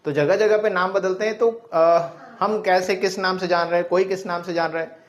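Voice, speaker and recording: Male biology teacher, higher-pitched voice. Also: fairly even intonation, moderate pace, highs cut off. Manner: repetitive, asks questions and answers them himself; mixes English terms into Hindi. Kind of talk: classroom lecture.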